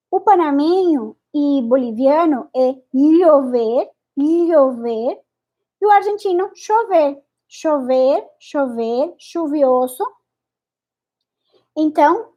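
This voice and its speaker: A woman gives a pronunciation lesson in a high voice. She speaks slowly and carefully, repeating each word several times and deliberately exaggerating how it is articulated. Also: darkish tone. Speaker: Spanish teacher.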